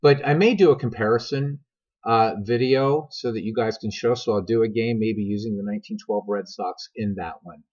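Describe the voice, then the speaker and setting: A middle-aged man with a husky smoker's rasp, giving a casual, rambling game tutorial and talking directly to his viewers. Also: on the low side, normal speed, a little mellow. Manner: conversational, digressive, addresses viewers directly. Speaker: video game tutorial host. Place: voice-over recorded over screen capture. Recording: dull, lo-fi microphone sound.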